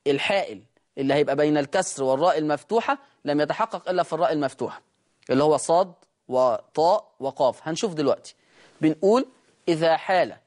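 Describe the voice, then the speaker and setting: A man with an Egyptian accent teaching Quran recitation in a recorded lesson, explaining quickly and then slowly drawing out and repeating each recited word. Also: fairly high pitch. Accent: Egyptian Arabic.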